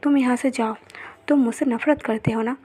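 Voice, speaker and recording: A woman's voice: on the high side, steady tone, normal speed, dark tone, slightly rough. A woman reading the lines of a moody, drunk male mafia boss plainly within her story narration. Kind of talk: narrated fan-fiction retelling.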